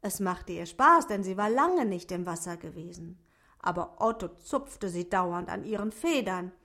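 A woman reading a children's story aloud slowly and expressively, dropping to soft tones at times. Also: lowish voice. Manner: slow, expressive, soft passages.

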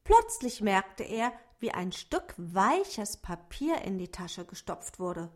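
A woman reading a children's story aloud, expressive and pausing to ask her listeners questions. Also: mid-range voice.

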